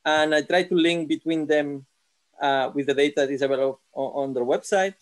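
A man in his thirties with a Catalan accent, asking a long, halting question with many restarts during an online seminar, speaking from a sofa into a laptop on a video call. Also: on the high side. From Catalonia, Spain. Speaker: seminar participant, visual artist. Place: living room sofa, indoors. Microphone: laptop camera on a video call.

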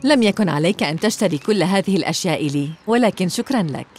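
A woman in a dubbed drama playing a caring social worker, speaking warmly and encouragingly, with soft music underneath. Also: fairly low pitch, animated, fast talker, close to an everyday voice. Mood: kind. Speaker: social worker who adopts a boy.

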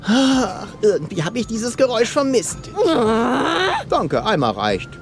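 A man's voice: sits high, huge pitch swings, a little slow, over music, exaggerated voice. An actor voicing a cocky, sarcastic young male game hero who talks in a cheeky, mocking way. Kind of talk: game voice acting.

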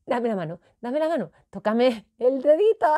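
A woman's voice: sits high, measured pace. A woman, a children's author telling her own story playfully and talking straight to the child. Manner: playful, animated, talks to the child directly.

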